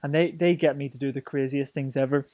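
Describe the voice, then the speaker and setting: A man's voice: mid-range voice, fast talker, no room sound. A man hosting a casual podcast, telling funny stories with lots of laughter. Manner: animated storyteller, laughs often. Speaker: host.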